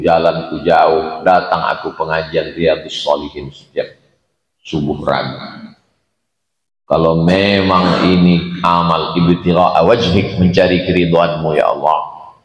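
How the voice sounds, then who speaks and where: A man giving a sermon, reciting Arabic phrases and translating them with animated, sudden jumps in pitch. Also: muffled recording. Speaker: Islamic preacher. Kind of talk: sermon teaching a hadith. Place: large echoing hall at a dawn gathering. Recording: roomy hall reverb.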